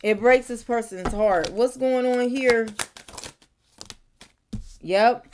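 A woman's voice: on the high side, slow, darkish tone, slight background noise. Musing young woman reading tarot. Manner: musing, thinks aloud, repeats phrases. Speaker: tarot reader. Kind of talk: casual tarot reading to camera. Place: bedroom, indoors.

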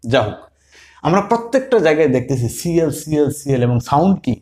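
A man teaching English phonics, repeating sounds slowly and asking and answering his own questions. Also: fairly high pitch, big pitch swings, darkish tone. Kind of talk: phonics lesson.

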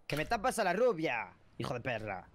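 A man's voice: a little high, huge pitch swings, brisk, noisy background. A man streaming a game roleplay, joking crudely and swearing a lot in character.

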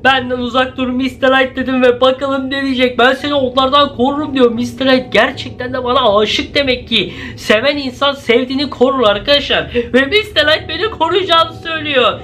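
A man's voice: very high-pitched, a little fast, few pauses. A young man vlogging dramatically, reacting to a chat and exclaiming to his viewers. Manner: excitable, exclaims, talks to viewers as "abi". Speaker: YouTuber.

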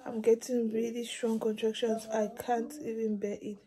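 A woman's voice: on the high side, level tone, moderate pace, dark tone, rough recording. A woman vlogging a casual update, chatting directly to her viewers. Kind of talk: casual vlog update to camera.

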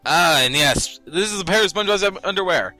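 A man's voice: sits high, expressive, sharp tone, soft background music. A young man joking playfully while casually commenting on a video game he plays. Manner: joking, playful, quick asides. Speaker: let's play co-host.

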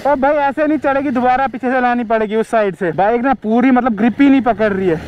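Man vlogging off-road, very high voice, excited, muffled action-cam sound, faint outdoor noise. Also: quick pace. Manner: excited, calls out to friends and viewers. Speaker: motorbike vlogger. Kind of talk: casual off-road vlog commentary. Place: outdoors on sandy off-road ground. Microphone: action camera.

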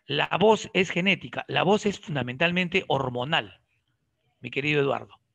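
Gravelly, bright-voiced teacher. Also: male voice, fairly high pitch, moderate pace, no echo. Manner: lively, questioning students directly and joking. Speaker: biology teacher. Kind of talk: online class lecture.

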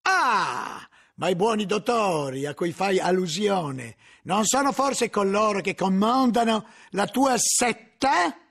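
A stern, menacing inquisitor, as a male reader puts him on, hurling accusations in a high, gravelly, husky voice. He presses his questions slowly and harshly in this dramatic audiobook reading. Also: heavily acted. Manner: accusing, harsh, shouting at times.

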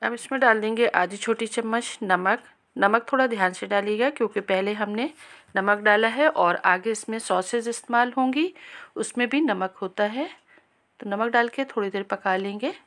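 Calm woman narrating a recipe. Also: a little high, moderate pace. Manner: calm, instructive, addresses viewers directly. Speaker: cooking channel host. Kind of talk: step-by-step recipe voice-over.

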